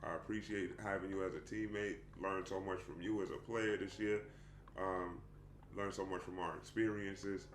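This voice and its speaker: A man's voice: low voice, steady tone, normal speed, a little hiss or hum. A young adult man hosting a casual interview, laid-back and slangy, calling his guest "bro". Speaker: podcast host. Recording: echoey room.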